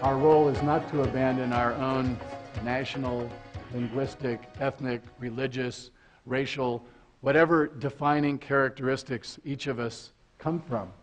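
A man's voice: mid-range voice, steady tone, unhurried, soft background music. A man in a documentary interview, formal, listing points one by one.

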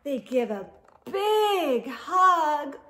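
In a small book-lined room indoors, a forty-something woman reads to young children. She speaks in a high register at a leisurely pace, stretching and stressing words in the animated style of picture-book storytelling.

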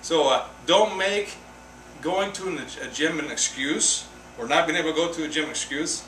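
A man's voice: fairly high pitch, moderate pace, a bit bright, recorded from a distance, slight background noise. Chatty man in an echoey basement. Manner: chatty, rambling, moves around the room while talking. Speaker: fitness vlogger. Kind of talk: casual home gym tour. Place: basement home gym. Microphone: camera mic from across the room.

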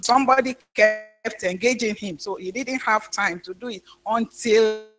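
A woman pastor preaching a sermon, telling a story in a halting way with frequent restarts. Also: medium pitch, a bit bright, slight background noise.

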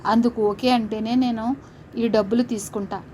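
A woman's voice: fairly high pitch, steady tone, moderate pace, a little mellow, a little hiss or hum, close to an everyday voice. A woman voicing a proud young wife who speaks coolly and firmly in a storybook tale. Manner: cool, firm.

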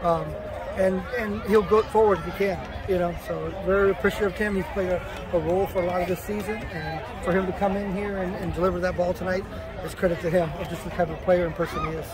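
A man's voice: high voice, fairly even intonation, fast. A male soccer coach answering questions at a postgame press conference in a casual way, repeating words and filling with "you know". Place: outdoors at a stadium after a match. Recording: outdoors with crowd noise behind.

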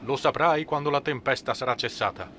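A man's voice: medium pitch, brisk, bright, forceful tone, slight background noise, voice pushed up, close to an everyday voice. A man voicing a stern, impatient ship captain who barks curt orders in an audiobook.

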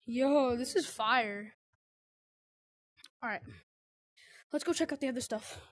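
A woman's voice: fairly high pitch, takes it slowly, no echo, clean studio sound. A woman giving upbeat, slangy commentary while trying out a new game for her channel, talking into a headset mic. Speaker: gaming video creator. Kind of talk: casual gameplay commentary.

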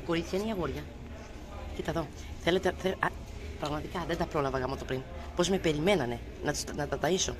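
A woman's voice: sits low, noisy background. Chatty woman in her late thirties vlogging. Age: late 30s. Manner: chatty, talks straight to viewers, teasing asides. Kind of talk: casual family vlog. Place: home and outdoor tavern at night.

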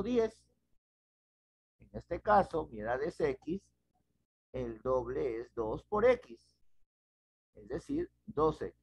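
A middle-aged man teaches math online at a whiteboard in a small home room, wearing a headset and patiently explaining step by step with questions. His voice sits high and sounds a little mellow and husky. The video call audio is dull and lo-fi, with no echo.

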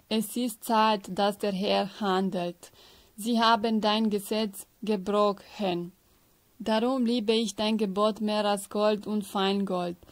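Woman reading bible verses real slow, careful and steady, mid-pitched voice. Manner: slow, measured reading with occasional stumbles on words. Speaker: scripture reader.

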